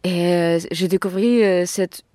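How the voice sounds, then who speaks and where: A woman with a foreign Russian accent in French speaks casually as an interview guest, haltingly searching for words in a language not her own. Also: on the low side, fairly even intonation, dark tone, no echo, clean studio sound. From Siberia, Russia. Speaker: interview guest, jazz saxophonist.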